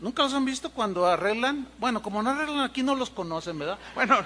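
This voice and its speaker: A man preaching, telling humorous anecdotes in an animated way and imitating sounds. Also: very high-pitched, quick pace, a little hiss or hum. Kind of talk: sermon storytelling.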